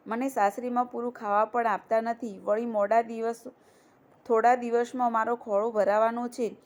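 A humble young bride from a folk tale, mistreated and meek, pleading softly, as a woman narrator voices her. The voice sits a little high. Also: flat delivery, moderate pace, lightly acted. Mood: sorrowful.

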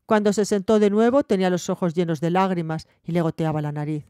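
A woman reading a novel aloud in a steady, measured narration. Her voice is mellow and warm, recorded close with no room sound. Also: on the low side, clean tone, dry recording. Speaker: audiobook narrator. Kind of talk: scripted audiobook narration.

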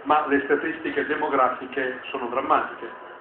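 A man narrating a news report and asking interview questions in a measured, formal way. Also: mid-range voice, fairly even intonation, a crowd in the background. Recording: echoey, tinny, noisy broadcast audio.

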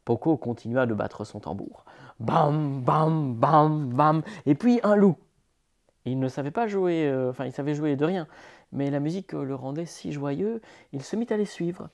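A man reading picture books aloud for small children, animated and chanting drum sounds and rhymes. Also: on the high side, moderate pace, creaky. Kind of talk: read-aloud picture book narration.

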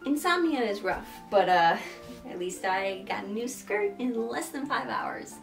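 A young woman speaks in a casual vlog style, as a sewing hobbyist addressing viewers. Her pitch is medium, and faint music plays behind her. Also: expressive, a little slow. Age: young adult. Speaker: sewing vlogger. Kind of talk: casual vlog narration and chat.

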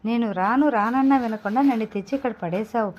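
A woman's voice: fairly high pitch, brisk, lightly acted. A woman voicing a hot-tempered young woman who speaks in curt, scolding lines in an audio novel. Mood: angry. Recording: dull lo-fi recording.

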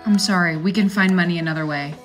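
A young woman acting out comedy sketches in a blunt, deadpan manner. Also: lowish voice, fast talker, soft background music.

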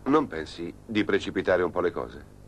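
A man voicing a calm, reasoning father who gently cautions his daughter, in a dubbed telenovela. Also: sits low, normal speed, a little hiss or hum. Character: patient, worried middle-aged father.

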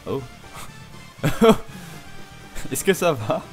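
A man's voice: medium pitch, animated, fairly quick, soft background music. A man casually commentating a video game, playful and self-mocking as he chats with viewers. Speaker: gaming YouTuber. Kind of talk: casual let's play commentary.

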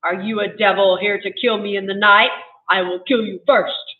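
A woman reads aloud as a gruff harpooner with a menacing, demanding manner. The storybook voice sounds thin, like a phone line, and distant from the mic. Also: mid-range voice, steady tone, moderate pace, echoey room, close to an everyday voice. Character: gruff tattooed male harpooner, threatening.

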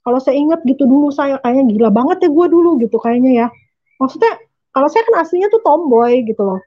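Hosting a casual interview chat, this woman is chatty and relaxed, her pitch high and bright. Frequent laughter runs through her easy talk, and the audio is a touch muffled and lo-fi.

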